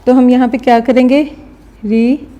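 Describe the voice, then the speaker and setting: Patient woman teacher, mellow voice. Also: fairly high pitch, a little slow, highs cut off. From Pakistan. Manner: explains step by step, repeats "ठीक है" often. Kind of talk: recorded classroom lecture.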